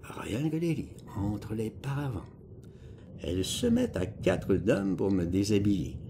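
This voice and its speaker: Man narrating an audiobook, gravelly, lively intonation, lowish voice, music behind. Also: a little slow, noisy background. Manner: expressive, slangy first-person storytelling.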